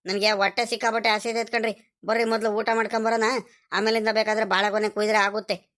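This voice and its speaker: A woman voicing a cheeky, hungry village farmhand who whines and complains, for an animated cartoon. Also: medium pitch, lightly acted. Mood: whiny. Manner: whiny, complaining, drawn-out pleading.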